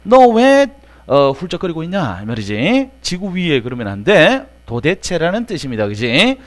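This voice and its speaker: A man's voice: a little high, sing-song, normal speed, a bit bright. A man teaching an English grammar lesson to students, in casual speech that keeps checking they follow. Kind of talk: lecture.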